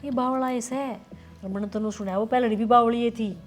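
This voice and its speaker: Music plays under a high female voice. An actress plays a middle-aged wicked stepmother from a Haryanvi family serial, grumbling and full of self-pity as she airs her grievances in a strong Haryanvi accent. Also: steady tone, fairly quick, lightly acted. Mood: bitter grumbling. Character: resentful, complaining stepmother and mother-in-law in village family. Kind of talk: web serial family drama acting.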